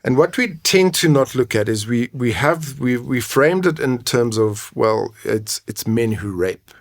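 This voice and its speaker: Expressive and unhurried, a mid-range male voice belongs to an interview guest working as a men's mental health coach and advocate. He explains matters candidly in a chatty way, regularly checking in with tag questions; the recording is dry and studio-grade.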